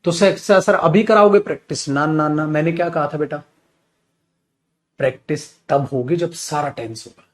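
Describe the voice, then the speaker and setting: During a live online grammar class, a man teaches English grammar in Hindi, addressing students as "beta" and acting out angry scolding as examples. His pitch is fairly high and he talks at a normal speed.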